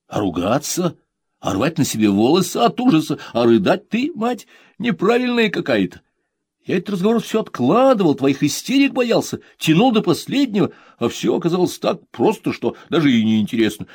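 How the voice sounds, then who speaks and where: A carefree young son, as a man acts him out, teasing and offhand. The voice sits higher than the reader's own. The sound is dry and close. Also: big pitch swings, normal speed, darkish tone, husky, no echo.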